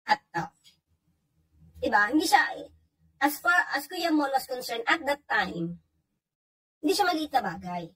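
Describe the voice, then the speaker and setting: A woman's voice: sits high, sing-song, unhurried, long pauses, bright, forceful tone, rough recording. A woman co-hosting a casual talk show, reading English passages aloud and commenting on them in Tagalog. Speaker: co-host.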